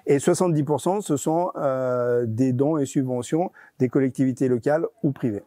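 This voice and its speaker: Being interviewed, a man who serves as regional deputy director of a nonprofit explains things while hesitating and frequently repeating himself. He speaks at medium pitch and a moderate pace in a dark tone. The studio-quality recording has no room sound.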